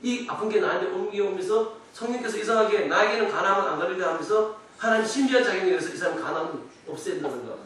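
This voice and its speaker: A man with a high, bright preaching voice delivers a revival sermon from a distance in a very echoey church. He moves between hushed pleading and loud, emphatic outbursts. Faint room noise sits behind him. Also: quick pace, hardly any pauses. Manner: impassioned preaching, swings from soft to loud shouting, acts out scolding parents. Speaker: pastor. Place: church sanctuary.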